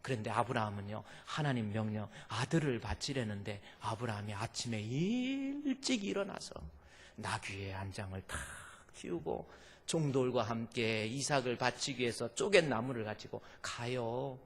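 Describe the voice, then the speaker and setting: A man pastor preaching a sermon in a church, swinging from soft murmurs to shouted cries, with repeated refrains. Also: mid-range voice, lively intonation, moderate pace, husky. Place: church sanctuary. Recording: long reverb of a church hall.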